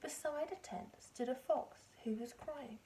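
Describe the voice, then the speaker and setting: A woman teacher reading a children's storybook aloud in an expressive way. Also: high-pitched, unhurried, a little hiss or hum, rough recording.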